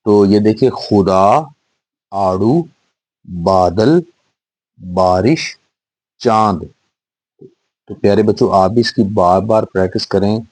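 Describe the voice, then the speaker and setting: Patient, low-voiced man spelling words slowly. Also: a little mellow, no echo, poor audio. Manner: patient, repeats words syllable by syllable. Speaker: Urdu teacher for young children. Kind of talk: slow spelling-out lesson.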